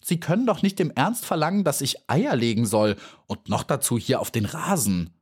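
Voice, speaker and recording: A man's voice: mid-range voice, very animated, normal speed, husky. A man voicing a proud, touchy little female bee in an audiobook, speaking indignantly in a raised voice. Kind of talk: audiobook character voice.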